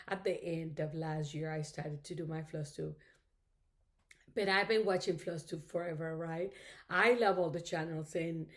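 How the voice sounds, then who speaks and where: A middle-aged craft vlogger with Spanish as her first language talks casually to camera in a deep, darkish voice. Her chat rambles, full of gratitude toward viewers and repeated "you know"s.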